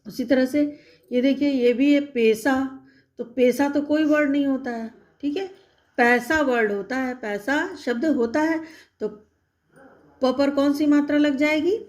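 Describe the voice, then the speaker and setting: Patient woman teacher for young children; voice on the high side, careful step-by-step delivery. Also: a little mellow. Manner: patient, slow spelling-out of letters and vowel signs, frequent check-ins. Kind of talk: recorded online class for young children.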